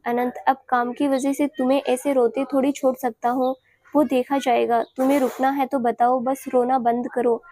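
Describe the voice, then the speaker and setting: A woman voicing a young husband who gently teases and comforts his wife in an audio story. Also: high voice, level tone, normal speed, dry recording. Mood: caring. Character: young devoted husband, teasing and caring.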